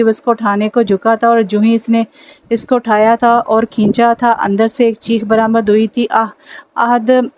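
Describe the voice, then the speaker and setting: A woman reading a romance novel aloud in steady, even narration. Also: a little high, low-quality recording. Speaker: novel reader.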